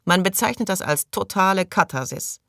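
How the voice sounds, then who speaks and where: A man's voice: high-pitched, animated, moderate pace, gravelly, pushed and bright, dry recording, studio quality, pitched above the performer's own voice, heavily acted. A man voicing a matter-of-fact male crewman who explains things in clinical terms. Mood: explaining.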